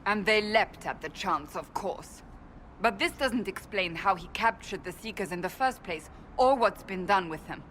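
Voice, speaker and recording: A stern woman warrior speaks in firm, formal sentences with steady resolve, voiced by an actress. Her pitch sits in the middle range and there is a faint ambient hum behind her. It is a game cutscene performance. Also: normal speed, lightly acted. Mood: resolute. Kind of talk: video game voice acting.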